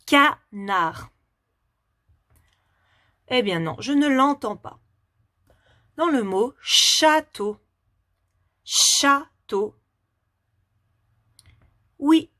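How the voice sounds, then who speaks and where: A woman teaching a phonics lesson to young children, asking questions patiently and clearly articulating each word. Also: a little high, fairly bright tone, no room sound, studio quality.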